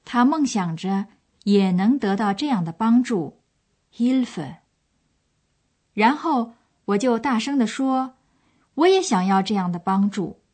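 A woman's voice: fairly high pitch, animated, takes it slowly, long pauses, a little mellow. A woman presenting a language course with scripted, explanatory storytelling narration.

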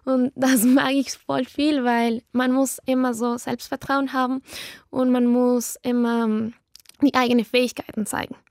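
A woman's voice: high-pitched, a little mellow, dry recording, studio quality. A woman of about nineteen from Ecuador, a native Spanish speaker with an Ecuadorian Spanish accent, talks earnestly in learner German about herself. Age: young adult, about 19. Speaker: German learner in a portrait interview. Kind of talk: personal portrait answers.

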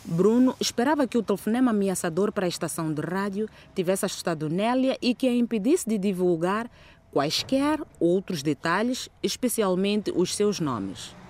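A woman's voice: mid-range voice, animated, moderate pace, a little mellow. A woman narrating a scripted dramatic story as its storyteller.

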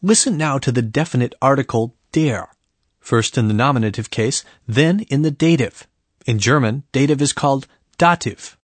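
A man delivers a scripted language lesson as a professor. His medium-pitched voice is husky and measured, explanatory in tone, recorded very dry. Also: dry recording.

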